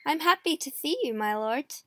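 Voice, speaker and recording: A woman's voice: sits high, expressive, normal speed, pushed and bright, no echo, clean studio sound. A woman voicing a proud, outspoken young queen in an audiobook story, emphatic and commanding. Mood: polite, guarded.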